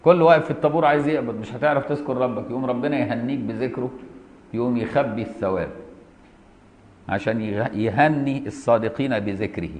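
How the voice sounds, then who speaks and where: Fast-talking Egyptian sheikh teaching jurisprudence. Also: male voice, mid-range voice. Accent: Egyptian Arabic. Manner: switches between reading formal text and lively colloquial explaining; asks students rhetorical checks. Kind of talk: classroom lesson on a commentary text.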